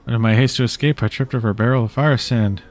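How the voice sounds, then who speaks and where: A man's voice: medium pitch, fairly even intonation, fast, faint music behind, close to an everyday voice. A man voicing a pompous, well-spoken male goblin in a fantasy game, who mixes broken grammar with big words. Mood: storytelling.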